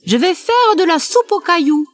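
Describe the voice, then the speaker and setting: Woman putting on a shrill, bossy mother hen. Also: very animated. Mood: sly. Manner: sharp, quick and commanding. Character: shrewd bossy mother hen, brisk and sharp. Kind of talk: children's storybook reading.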